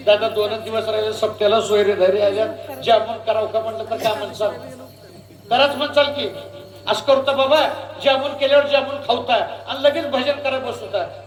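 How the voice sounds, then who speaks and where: A man giving a devotional kirtan sermon, moving between sung verses and spoken preaching, asking the audience questions in an animated way. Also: sits high, roomy sound.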